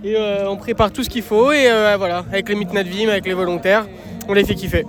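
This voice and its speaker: Casting: relaxed man in his twenties, high voice, outdoors with faint music. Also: fairly quick. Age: 20s. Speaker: volunteer organizer. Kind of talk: street interview. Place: outdoors at an evening barbecue.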